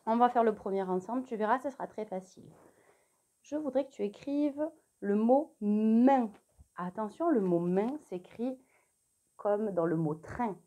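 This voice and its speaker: A young primary school teacher conducts a spelling lesson remotely for little children, clearly dictating and spelling out each letter while encouraging the child. She sounds animated and mellow, at a medium pitch and normal speed.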